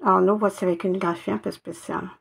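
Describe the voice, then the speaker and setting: A woman's voice: mid-range voice, fairly even intonation, fast talker, creaky, husky. A woman teaching Arabic letters one by one, patiently spelling out each sound and repeating it. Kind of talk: step-by-step reading lesson.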